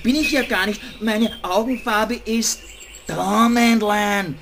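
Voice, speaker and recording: A man's voice: sits high, slow pace, vocal fry, noisy background, heavily acted. A man voicing a naive, easily offended male lab rabbit with a Viennese accent. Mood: indignant.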